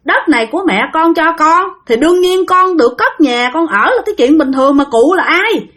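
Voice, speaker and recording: Hot-tempered young husband, indignant and defiant, Southern Vietnamese accent, high voice, as a woman storyteller puts him on. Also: expressive, fairly quick, fairly bright tone. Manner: indignant, pleading then defiant.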